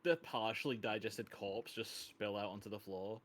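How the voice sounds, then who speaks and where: A man's voice: lowish voice, steady tone, moderate pace. A man playing a tabletop role-playing game, casually narrating his character's actions in the first person. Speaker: player in a tabletop RPG. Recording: noticeable background noise.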